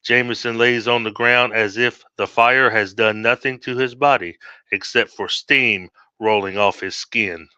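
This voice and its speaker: Man reading a horror story, sharp tone. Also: medium pitch, measured pace, smooth, no echo, lo-fi sound. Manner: steady reading with small slips.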